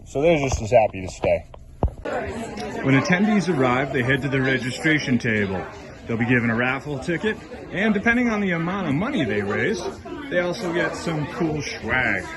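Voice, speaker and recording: A man's voice: medium pitch, big pitch swings, moderate pace, a loud crowd. A man reporting on location at an outdoor event, interviewing in a jokey, theatrical way. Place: outdoors at a rainy, windy waterfront event. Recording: noisy outdoor location sound.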